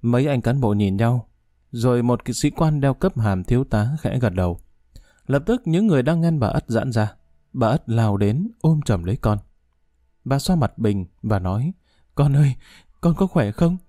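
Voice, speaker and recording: A man narrating a story audiobook in a steady, measured way. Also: mid-range voice, no room sound, studio quality.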